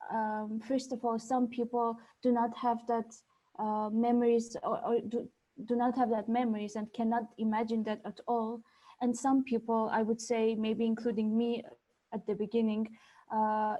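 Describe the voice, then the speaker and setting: Brief: female panelist from Armenia, flat delivery, careful and hesitant. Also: a little high, low-quality recording. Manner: careful, searching for words. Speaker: panelist, conflict-transformation worker. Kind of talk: panel discussion.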